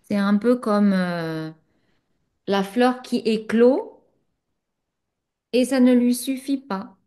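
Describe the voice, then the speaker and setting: Her voice runs on the high side with a warm tone as this spiritual teacher, not a native French speaker, replies to a student at a satsang. She reflects aloud, often pausing and reaching for fillers.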